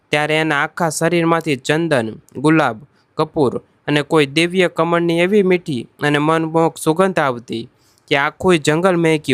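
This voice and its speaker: A man's voice: on the high side, a bit bright, smooth, no room sound. Emotive male devotional storyteller. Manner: addresses listeners as devotees, emotive.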